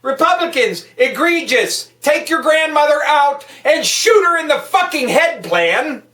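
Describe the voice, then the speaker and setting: An online radio show host delivers a political rant and show announcements in an emphatic, profane manner. His voice is very high, bright and forceful, with an unhurried, sing-song lilt. The recording has a roomy echo, and he sounds distant from the mic.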